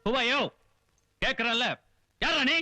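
A man's voice: sits high, big pitch swings, measured pace. An actor playing a short-tempered, bossy rich father who is drunk and mixes English insults into his talk, in a film scene. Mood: angry. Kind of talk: film dialogue.

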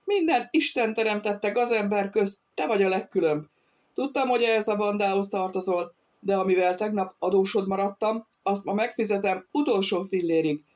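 A woman's voice: mid-range voice, a little mellow, close to an everyday voice. A woman reading an audiobook, voicing a threatening male robber-baron captain who barks orders at his dragoons. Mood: furious.

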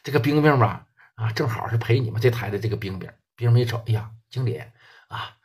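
A man's voice: medium pitch, fast, a little mellow, husky. A man with a Northeastern Mandarin accent telling an underworld story in a casual, colloquial style, peppered with swearing. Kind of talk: oral storytelling.

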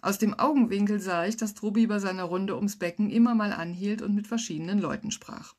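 A woman's voice: medium pitch, a little fast. Woman reading her crime novel wryly. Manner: wry, lively first-person narration.

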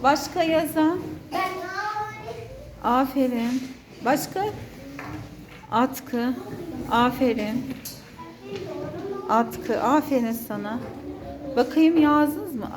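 High-voiced woman slowly dictating to young pupils. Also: background noise. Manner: dictating, repeating words and single sounds; encouraging, addresses children with endearments. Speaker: primary school teacher. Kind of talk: classroom dictation lesson for young children.

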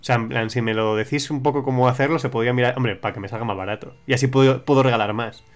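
A man's voice: mid-range voice, fairly even intonation, fast. Chatty young man streaming. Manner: chatty, rambling, with frequent restarts and swearing. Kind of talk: casual livestream chat reading viewer suggestions.

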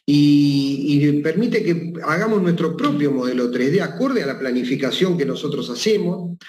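A man's voice: a little high, a little mellow. A man giving a medical talk, often closing his points with a short questioning tag, recorded in a roomy space. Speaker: speaker, surgeon. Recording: echoey room with faint noise.

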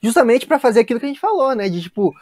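A man's voice: very high-pitched, big pitch swings, rapid-fire, a little mellow, no echo, clean studio sound. A young Brazilian man hosting a talk show on a video call, slangy and emphatic. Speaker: podcast host. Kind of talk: casual discussion on video call. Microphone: webcam on video call.

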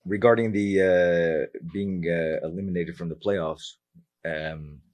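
A man in his forties, a football coach speaking at a post-match press conference into a table mic, measured and reflective with many fillers. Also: low voice, fairly even intonation, darkish tone. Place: press room.

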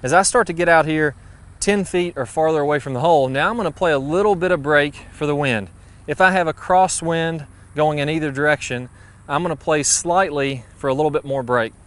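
A quick-talking man in his thirties with a drawl, coaching golf in a brisk, friendly way. He talks outdoors on a putting green, picked up cleanly by a clip-on mic. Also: on the high side. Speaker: golf instructor. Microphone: lapel mic.

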